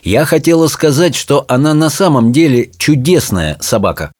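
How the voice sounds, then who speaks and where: A man voicing a brisk, bossy witch mother. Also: medium pitch, very animated, darkish tone, no echo, studio quality, pitched above the performer's own voice. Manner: brisk, no-nonsense, irritable. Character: brisk bustling middle-aged witch mother, woman.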